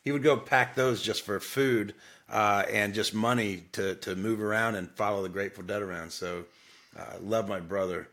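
A man in his forties from Ohio, a sales coach guest, talking in a relaxed, easygoing way with halting fillers. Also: fairly low pitch. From Ohio, USA. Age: 40s. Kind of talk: casual interview chat.

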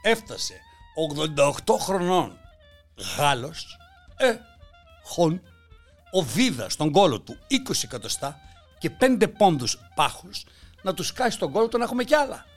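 A man delivering a mocking satirical monologue, swinging between loud outbursts and hushed asides. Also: high-pitched, big pitch swings, pauses often, faint music behind. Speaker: satirical commentator.

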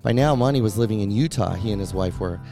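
A man's voice: fairly low pitch, quick pace, dark tone, soft background music. A male podcast host narrating a guest's story and reflecting on it. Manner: reflective, explanatory.

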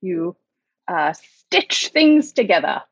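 A woman's voice: on the low side, big pitch swings, slow, vocal fry, breathy edge, no echo, muffled recording, pitched below the performer's own voice, exaggerated voice. A woman voicing a male ogre with a failing Scottish accent, patiently explaining. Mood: coaxing.

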